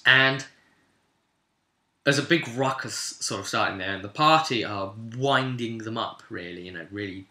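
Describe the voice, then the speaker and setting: Recounting a roleplay session in a relaxed storytelling style, this game master talks in a very bright, forceful voice that sits on the low side, at normal speed. The room has a clear echo. His rambling delivery leans heavily on key words and drifts into quoted remarks.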